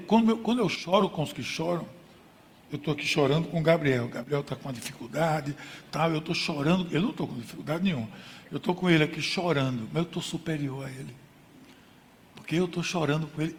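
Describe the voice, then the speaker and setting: A man's voice: a little high, a little hiss or hum. A man preaching a sermon with emphasis, using contrasts and rhetorical questions. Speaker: pastor. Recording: long hall reverb.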